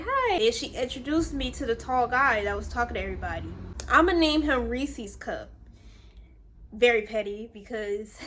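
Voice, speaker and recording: A woman in her twenties from Virginia chats her way through a personal story. Her voice sits a little high, and her telling is loose and rambling, packed with fillers and side comments. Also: a bit bright. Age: 20s. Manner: rambling and chatty, with many fillers. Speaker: vlogger. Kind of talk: casual storytime.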